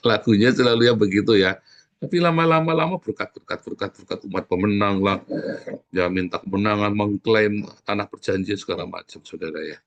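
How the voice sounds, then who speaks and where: A middle-aged pastor with a lowish voice preaches a sermon a little fast. He exhorts the congregation directly, repeating his key phrases again and again.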